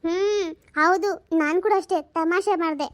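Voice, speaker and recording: A woman's voice: very high-pitched, normal speed. A woman playing a chatty, scolding housewife. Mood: teasing threat. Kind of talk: comedy sketch acting.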